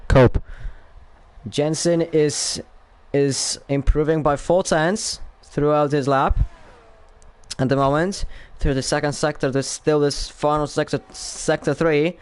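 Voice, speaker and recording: A young man with a Polish accent calls a sim racing qualifying session live. His voice sits on the higher side for a man. He muses aloud between laps, then jumps up in energy each time a new lap time comes in. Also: steady tone, takes it slowly, smooth, no echo. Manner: lifts sharply and speeds up on lap times, otherwise thinks aloud. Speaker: sim racing league commentator. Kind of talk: live esports race commentary.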